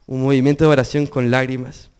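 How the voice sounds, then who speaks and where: A man's voice: medium pitch, little pitch movement, fast, darkish tone, clean tone. A young man preaching a sermon, earnest, asking the congregation questions.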